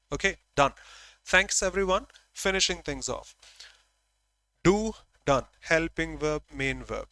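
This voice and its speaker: A man's voice: on the high side, pushed and bright, no room sound, poor audio. A middle-aged man teaching grammar in an online class, stressing words by raising his voice and acting out short dialogues.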